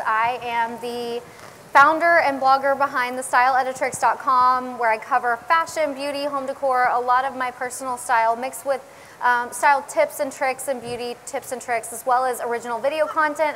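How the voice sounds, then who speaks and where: A woman's voice: sits high, steady tone, normal speed, a bit bright, a little hiss or hum, poor audio. A woman in her thirties, a style blogger and TV style expert, talking chattily and with enthusiasm on a panel at an event. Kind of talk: panel discussion. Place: event hall.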